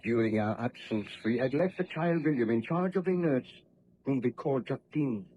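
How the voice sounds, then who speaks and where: A man's voice: mid-range voice, animated, moderate pace, a little hiss or hum, lightly acted. An actor playing an earnest, courteous young male scientist with formal, theatrical diction in 1930s radio acting. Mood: recounting. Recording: dull 1930s radio recording.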